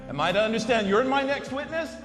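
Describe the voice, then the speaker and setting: Jovial rogue spirit male stage actor: chummy, exuberant, very lively pitch, echoing hall, music behind. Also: fast talker. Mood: jovial, grandiose. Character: jovial, playful spirit of a freed ancient criminal. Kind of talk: comic stage drama acting.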